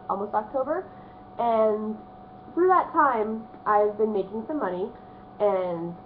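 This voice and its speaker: A young woman with a slightly hoarse voice from a cold, chatting casually at her desk at home in a rambling vlog, with lots of ums. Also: a little high. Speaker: vlogger. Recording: phone-like narrow band, faint hiss.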